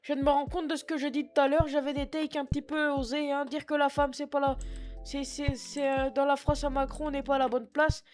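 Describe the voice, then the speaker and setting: A man puts on a scatterbrained sixty-year-old shop clerk who swears freely and sniffles between rambling sentences. The voice sits high, with a put-on Picard and Norman patois accent. It is flustered and self-mocking, spoken into a computer mic at home. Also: little pitch movement, fairly quick. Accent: put-on Picard and Norman patois mix. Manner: chatty, flustered, self-mocking asides to chat. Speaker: streamer doing roleplay. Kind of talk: live-streamed game roleplay.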